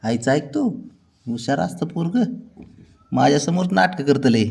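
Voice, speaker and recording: A man's voice: a little high, expressive, moderate pace, gravelly, darkish tone. A man talking to his pet cat in coaxing, sing-song baby talk, repeating soothing words.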